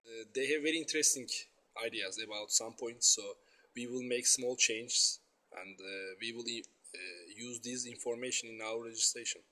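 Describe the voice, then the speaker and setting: A man from Turkey, giving halting interview answers in English and searching for words. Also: mid-range voice, pushed and bright. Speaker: nuclear safety regulator.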